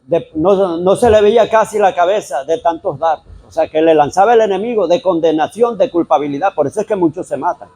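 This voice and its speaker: A man's voice: sits high, mellow, breathy edge. A man preaching a sermon as pastor, repeatedly calling his listeners brother.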